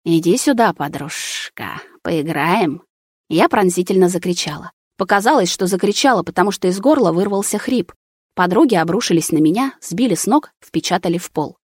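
A woman's voice: mid-range voice, expressive, a little fast, darkish tone, breathy edge, dry recording, clean studio sound. A woman narrating a first-person story aloud in a tense, dramatic way. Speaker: audiobook narrator.

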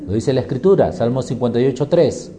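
A man's voice: mid-range voice, lively intonation, fast talker, warm tone, slight background noise. A man preaching a sermon, emphatic, firing rhetorical questions and answering them himself.

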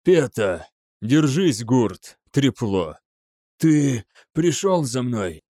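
A man putting on a wounded prisoner with slurred, defiant speech. It is read in an audiobook, and his pitch rises and falls a lot. The recording is dry. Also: very animated, very slow, mellow, dry recording, exaggerated voice.

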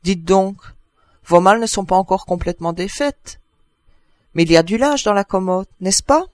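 A man reading an audiobook, voicing a gruff, kindly old neighbor woman who chats bossily. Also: high voice, normal speed, dry recording, natural voice. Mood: consoling. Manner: bustling, bossy, chatty.

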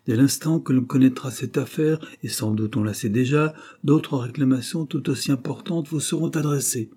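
A man reading an audiobook, voicing a calm, wealthy gentleman who refuses in measured tones. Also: mid-range voice, voice pushed up, lightly acted. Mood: calm refusal.

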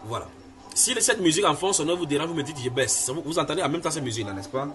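A man's voice: fairly high pitch, lively intonation, very fast, fairly bright tone, a little hiss or hum. A man preaching a Bible sermon, emphatic, repeating phrases and putting questions to his listeners. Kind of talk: sermon teaching with Bible reading.

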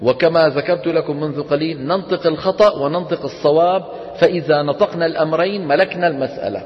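A man teaching a tajweed lesson to a class, explaining and then demonstrating slow, drawn-out recitation. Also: fairly high pitch. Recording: dull echoey lecture hall recording.

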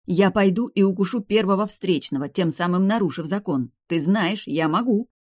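A man voicing a fiery, indignant young vampire woman who makes sharp, insistent demands. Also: sits high, expressive, moderate pace, no echo, clean studio sound, voice pushed up. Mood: threatening.

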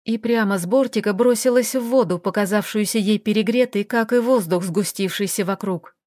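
A woman narrating an audiobook in a measured, expressive reading. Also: medium pitch, no room sound, studio quality.

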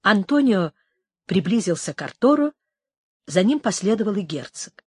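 A woman narrating a novel in an even, measured storytelling manner. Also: mid-range voice, slightly rough, dry recording. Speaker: audiobook narrator. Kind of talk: scripted narration.

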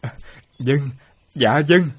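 An actor playing an excitable, boastful former soldier who loves chess, full of exclamations. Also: male voice, mid-range voice, slow, breathy edge. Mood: earnest. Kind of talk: radio play acting.

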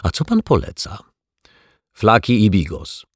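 A man's voice: fairly low pitch, wildly swooping pitch, unhurried, no room sound, clean studio sound, voice pushed up, full character voice. A man voicing a grumpy, touchy waiter in a children's storybook reading, grumbling and taking offence easily. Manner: sulky, grumbling, indignant.

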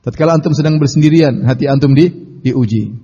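A man giving a Quran study lecture as a preacher, telling stories in a lively way and calling out the lines he quotes. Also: mid-range voice, a little fast, slightly rough. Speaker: Islamic preacher. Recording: dull audio with long reverb.

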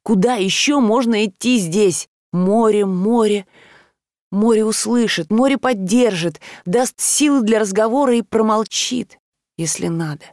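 A woman's voice: medium pitch, measured pace, no room sound. Woman narrating an audiobook, dry sound. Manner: expressive, emotional reading. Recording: dry close studio sound.

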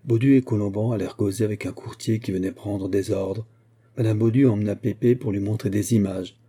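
A man reading a classic novel aloud as an audiobook narrator, in a steady, measured way. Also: on the low side, husky. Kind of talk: scripted narration.

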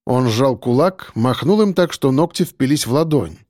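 A male narrator reads a story aloud in a steady, measured voice of middle pitch. The sound is close and dry. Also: no room sound. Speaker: audiobook narrator. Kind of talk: scripted narration.

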